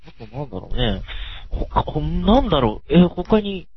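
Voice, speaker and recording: A man co-hosting a podcast in casual anime chat, animated and leading the talk with quick asides. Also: fairly high pitch, slight background noise. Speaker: podcast co-host. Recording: dull, lo-fi, dry.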